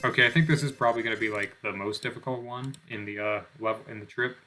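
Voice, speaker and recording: A man's voice: medium pitch, quick pace, pushed and bright, slight background noise. A young man giving casual gameplay commentary, rambling with lots of fillers, swearing and making fun of himself. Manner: rambling, self-deprecating, swears often, many fillers. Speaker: gaming channel host.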